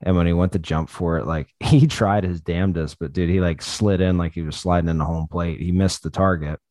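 Laid-back low-voiced man, swearing and laughing. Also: steady tone, fairly quick, dark tone, no echo. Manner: loose and profane, laughing often through stories. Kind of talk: casual chat.

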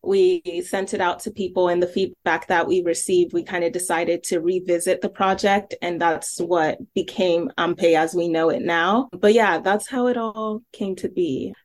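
A woman's voice: on the low side, fairly even intonation, moderate pace, hardly any pauses. A woman from Nigeria, a filmmaker guest, chatting casually and telling a story with many asides.

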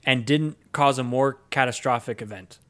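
A man's voice: medium pitch, normal speed, fairly bright tone. A man co-hosting a casual movie review podcast, rambling through a plot recap with frequent ums and uhs. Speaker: podcast co-host.

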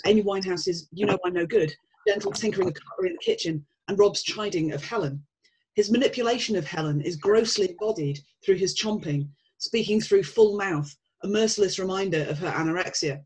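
A woman's voice: mid-range voice, fairly quick, a little mellow, slight background noise, rough recording. A woman presenting a scripted analysis in an analytical manner.

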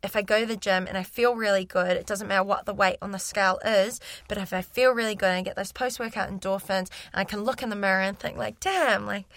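A woman's voice: mid-range voice, steady tone, quick pace, hardly any pauses, fairly bright tone, dry recording. A young woman speaking candidly and chattily as a guest in a casual interview. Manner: candid, talkative. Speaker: fitness influencer, interview guest.

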